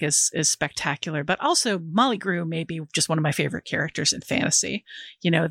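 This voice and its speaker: A woman's voice: on the low side, a bit bright, no room sound. A woman hosting a film discussion podcast, articulate and enthusiastic as she steers the talk.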